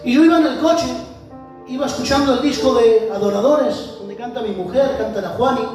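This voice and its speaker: Fervent preacher in echoey church. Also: male voice, very high-pitched, a little fast. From Spain. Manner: impassioned, rising to shouts, addresses the church directly. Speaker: visiting preacher. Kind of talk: fervent sermon. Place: church hall. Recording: very echoey church hall, far from the mic, music behind.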